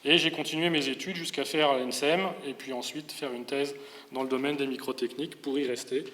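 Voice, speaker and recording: Bright and forceful, a mid-range male voice with fairly even intonation moves a little fast through a public lecture. The speaker, an engineering professor in his forties from the Paris region with a metropolitan French accent, explains and rephrases with some hesitation, recorded with slight background noise in a large hall with long reverb.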